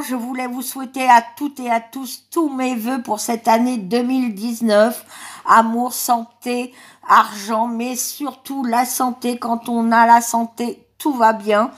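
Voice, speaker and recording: A woman's voice: fairly high pitch, fairly even intonation, slow. A woman with a French accent talking casually and affectionately to her subscribers in a vlog, with many hesitations. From France. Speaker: YouTuber.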